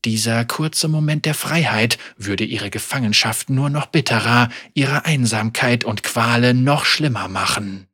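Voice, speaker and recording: A male audiobook narrator reading a grim fantasy tale at an unhurried, deliberate pace. His voice is bright and forward, with a husky grain running through it. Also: mid-range voice. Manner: slow, measured and dramatic. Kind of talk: scripted story narration.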